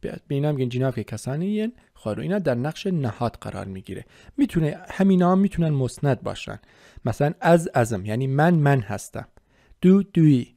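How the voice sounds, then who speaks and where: A male teacher takes his listeners through a grammar review at a steady, methodical pace, listing each form one by one. His voice is warm and mellow, with a middling pitch. It is recorded close and dry, with no room sound. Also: dry recording. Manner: methodical, repeats and spells out word forms. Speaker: language teacher. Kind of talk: explanatory grammar lesson.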